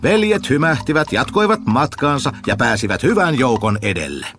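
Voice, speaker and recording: Highly animated male storyteller. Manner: very animated, expressive reading. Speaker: narrator. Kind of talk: storybook narration. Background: faint music.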